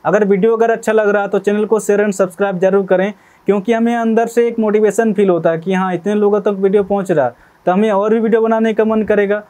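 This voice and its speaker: Here a young maths teacher, his voice high-sitting and mellow, explains a lesson in careful steps. "Okay?" and "theek hai" come up again and again as he checks that the class understands.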